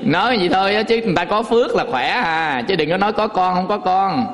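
A Buddhist monk delivers a homely sermon, often turning to his listeners with questions. His voice sits high for a man. The sound rings out with a long reverb, as in a large hall. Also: lively intonation, fast. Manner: folksy storytelling with rhetorical questions to the audience. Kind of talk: dharma talk sermon.

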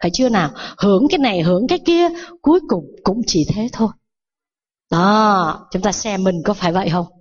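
A woman's voice: medium pitch, lively intonation, fairly quick, muffled recording. A Buddhist nun giving a sermon, telling a parable and asking her listeners rhetorical questions.

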